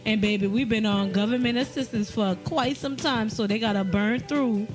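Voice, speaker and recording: A woman's voice: fairly high pitch, moderate pace, over music. A woman co-hosting a casual podcast, with brash, profane, joking banter. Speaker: podcast co-host. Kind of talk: casual chat.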